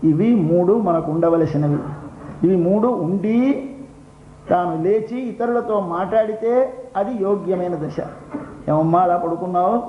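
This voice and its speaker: An older man delivers a devotional discourse in a high, light voice. He repeats phrases as he explains each line. The recording is roomy and dull, with a faint hiss behind him. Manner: expounds slowly, repeats phrases, chants verses in song. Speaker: religious discourse speaker.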